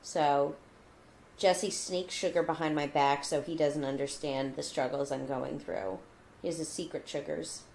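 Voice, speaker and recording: Chatty woman with a low voice. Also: fairly even intonation, unhurried, gravelly, a little mellow, slight background noise. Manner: chatty, rambling with many likes; mock newscaster voice in her cat segment. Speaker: podcast co-host. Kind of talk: casual chat.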